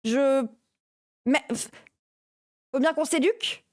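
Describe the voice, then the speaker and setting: High-voiced sarcastic woman streamer. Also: slow pace, no echo, studio quality. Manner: sarcastic, chatty, many fillers. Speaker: streamer reacting to a video. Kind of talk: casual live-stream react commentary.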